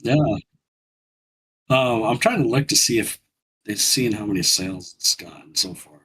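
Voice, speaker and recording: A man co-hosting a podcast in casual chat, rambling and halting, with many restarts. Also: on the low side, sharp tone, husky, poor audio. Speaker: podcast co-host.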